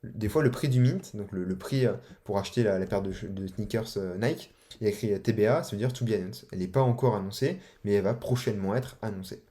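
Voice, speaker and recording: A young man explains things in a loose, slangy way, full of fillers and restarts. His voice sits fairly low and sounds dark and mellow. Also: quick pace, few pauses. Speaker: online course instructor. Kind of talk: casual explanatory tutorial.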